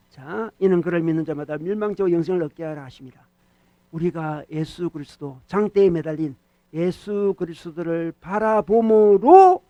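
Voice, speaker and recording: A man preaching a sermon as pastor, animated, repeating key phrases and questioning the congregation. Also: high voice, no room sound, muffled recording. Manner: animated preaching, acts out short rebukes to the devil.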